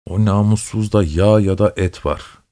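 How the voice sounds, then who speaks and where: A man voicing a rough, hungry soldier who growls, scolds and curses. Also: sits low, lively intonation, normal speed, no room sound. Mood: gruff, cursing.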